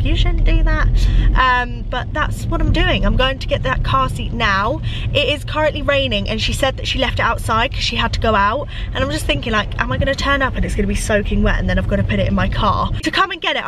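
A woman's voice: a little high, background noise. A young woman, chatting casually to camera from her car, rambling with lots of fillers. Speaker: vlogger. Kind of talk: casual vlog chat. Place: inside a parked car.

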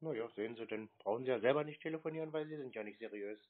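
Talking very fast in a mid-range voice, this male prankster fields scam calls with a sardonic, challenging, evasive edge. The recording is dry, and the thin telephone sound comes through a narrow, tinny line.

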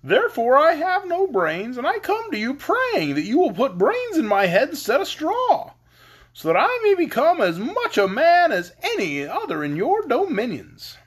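Storybook straw scarecrow, acted by a man: humble, eager, polite, high and bouncy. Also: wildly swooping pitch, moderate pace, a bit bright, heavily acted. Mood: brave, hopeful. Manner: earnest, polite. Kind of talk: storybook character reading.

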